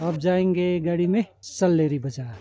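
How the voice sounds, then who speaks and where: A travel vlogger in his forties narrates a casual trek vlog outdoors on mountain roads, holding the camera at arm's length and mixing English words and phrases into his speech. His voice sits high and moves at a moderate pace. Crowd noise is audible, and the camera audio is slightly dull and muffled.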